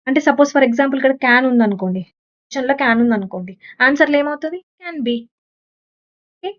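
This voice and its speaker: A woman's voice: a little high, lo-fi sound. A woman English teacher with a Telugu accent, explaining exam questions step by step and answering her own questions. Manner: mixes English terms into Telugu speech. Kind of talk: exam-prep lesson.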